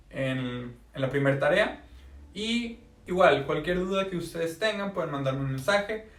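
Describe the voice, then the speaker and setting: A man teaching an English grammar lesson to his class, slowly and deliberately repeating each example sentence. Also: fairly high pitch. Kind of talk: recorded remote class lesson. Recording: echoey room, distant mic.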